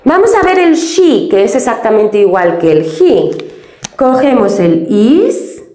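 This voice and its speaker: A woman teaching an English grammar lesson step by step, patient and explaining things slowly with many diminutives. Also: a little high, big pitch swings, warm tone, echoey room.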